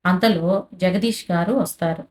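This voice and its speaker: Woman host, episode recap narration, plain and steady, somewhat low voice. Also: measured pace. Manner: plain, steady storytelling with repeated filler phrases. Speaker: serial recap channel host.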